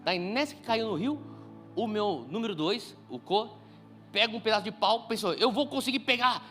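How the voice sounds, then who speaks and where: A man's voice: high-pitched, expressive, moderate pace, a bit bright, soft background music. A man preaching a sermon, telling a family story and acting out the dialogue with big voice swings. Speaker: pastor.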